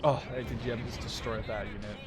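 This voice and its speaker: Fast-talking and fairly even in intonation, his voice sits on the low side, and crowd noise can be heard. He's a twenty-something gaming creator whose informal, mildly profane commentary rambles and keeps interrupting itself. Artillery, gunfire and vehicle noise from the game fill the background.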